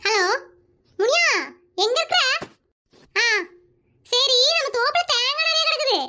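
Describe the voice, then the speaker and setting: A performer voicing a blunt, gossipy older village woman in an animated comedy, talking brusquely and scolding. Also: extremely high pitch, unhurried, slight background noise, full character voice.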